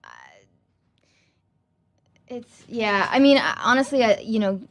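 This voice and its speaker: A woman's voice: on the high side, measured pace. A woman chatting as a podcast guest, talking in a hesitant, rambling way with many fillers and frequent laughter. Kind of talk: casual interview chat.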